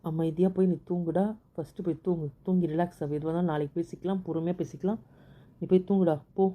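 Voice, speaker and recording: A woman voicing a protective older brother who keeps begging his sister and her husband to calm down, in an amateur audio drama. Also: fairly low pitch, fast, phone-quality sound, close to an everyday voice. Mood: soothing. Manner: soothing, pleading, keeps repeating calm down.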